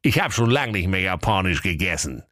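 A man's voice: low voice, big pitch swings, a little fast, fairly bright tone, no echo, clean studio sound. A man voicing a cocky, naive young male web designer as the hero of a comic fairy tale. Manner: boastful, cheeky.

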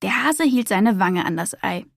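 A woman narrating a children's storybook in a calm, expressive reading voice. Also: mid-range voice, normal speed, creaky, dry recording, clean studio sound.

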